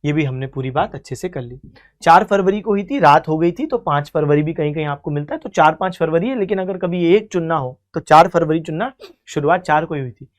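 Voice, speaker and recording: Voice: mid-range voice, fairly quick. An exam-prep history teacher giving an online coaching lecture, asking quiz questions, explaining them like a story and calling the students "beta" while mixing in English terms.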